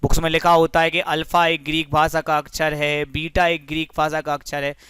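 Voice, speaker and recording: A man's voice: on the high side, completely flat delivery, fairly quick, fairly bright tone, clear, resonant tone, no echo, studio quality. A young man teaching a physics lesson through a story, friendly and explanatory, often addressing the listeners as friends.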